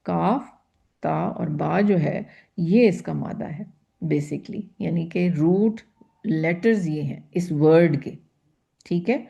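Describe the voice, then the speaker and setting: A woman's voice: fairly low pitch, slow, creaky, warm tone, dull audio. A woman teaching a grammar class, patiently repeating terms and asking her students rhetorical questions. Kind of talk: grammar lecture.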